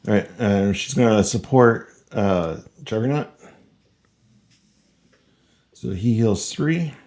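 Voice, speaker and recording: A man playing a tabletop miniatures game, talking through his turn in a measured, dry way. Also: lowish voice, expressive, darkish tone. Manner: measured, dry, counts moves out step by step. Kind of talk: casual game-table chat.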